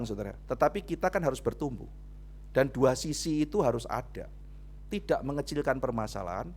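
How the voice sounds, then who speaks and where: A male pastor preaching a sermon at a church youth service, in a lively storytelling manner that keeps turning to address his listeners directly. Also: medium pitch. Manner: animated storytelling, often addressing listeners as brothers and sisters.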